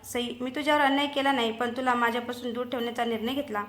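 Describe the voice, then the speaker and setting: Storybook mother, firm and measured, read by a woman; somewhat high, echoey room. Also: fairly even intonation, fairly bright tone, close to an everyday voice. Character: stern guarded older mother figure. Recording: roomy echo.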